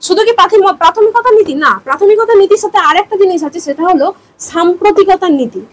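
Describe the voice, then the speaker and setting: A woman's voice: extremely high pitch, quick pace, poor audio. A young woman in her twenties giving an exam-prep lecture, explaining with everyday examples and rhetorical questions and mixing in English terms. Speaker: teacher.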